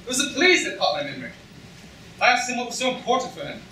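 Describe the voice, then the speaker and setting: Guy doing a mocking pirate captain, theatrical, highish voice, mic way back in the audience. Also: sing-song, fast talker, bright, forceful tone, heavily acted. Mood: taunting. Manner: sardonic, theatrical. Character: mocking, menacing, masked male pirate captain. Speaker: actor in a student staged reading. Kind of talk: staged reading, stage acting. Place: lecture hall stage, indoors. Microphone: far camera in audience. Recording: echoey hall, distant audience-camera mic, noisy.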